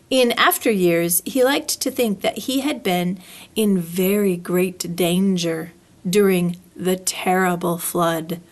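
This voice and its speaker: Reading a children's story aloud, a woman with a mid-range voice tells it expressively and deliberately.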